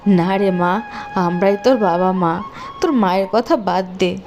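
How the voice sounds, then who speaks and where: Woman doing a loud, doting cartoon father. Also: medium pitch, unhurried, soft background music, lightly acted. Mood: pleading. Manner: shouting, emotional. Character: doting village father, loud, hot-tempered. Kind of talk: cartoon voice acting.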